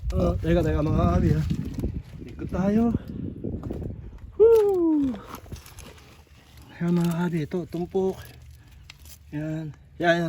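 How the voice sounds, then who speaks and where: A man vlogging outdoors on a rocky shoreline at low tide, talking chattily to his viewers and slightly out of breath. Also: warm tone, a little hiss or hum. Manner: chatty, repetitive, addresses viewers constantly. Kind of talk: casual on-the-spot vlog narration. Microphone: camera on a tripod.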